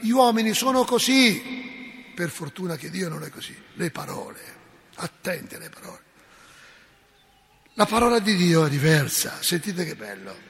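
A man's voice: high voice, very animated, normal speed, gravelly, fairly bright tone, slightly rough. A man, a parish priest giving an impassioned, scolding sermon with folksy asides. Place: church. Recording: long church reverb.

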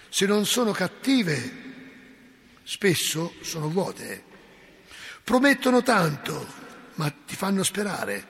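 A man's voice: on the high side, vocal fry, fairly bright tone, slightly rough. A man, a parish priest giving an impassioned, scolding sermon with folksy asides. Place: church. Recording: long church reverb.

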